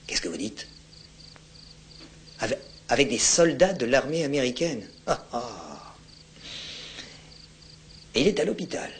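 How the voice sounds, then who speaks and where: A calm, courteous army captain. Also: male voice, mid-range voice, a little hiss or hum. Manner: calm, polite, unhurried formal phone talk. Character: composed French colonial captain, courteous and detached. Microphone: telephone call.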